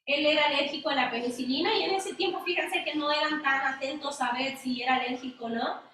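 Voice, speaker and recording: A woman with a very high, bright voice leads a church Bible study, drawing listeners in with questions. She is picked up from a distance in a strongly echoing room. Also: brisk, slight background noise. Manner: animated, engages listeners with questions. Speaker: women's Bible study leader. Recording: echoey room, mic at a distance.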